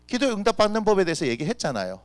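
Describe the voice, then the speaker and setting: A male pastor preaching a lively, conversational sermon full of rhetorical questions. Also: high voice, rapid-fire, no echo. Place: church.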